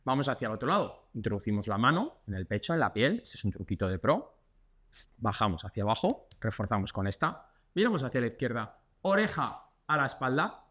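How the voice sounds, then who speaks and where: A man's voice: medium pitch, big pitch swings, a little fast, fairly bright tone. A man with a Spanish accent from Spain, working as a physiotherapist, demonstrating exercises in a chatty, instructive way and counting the repetitions aloud.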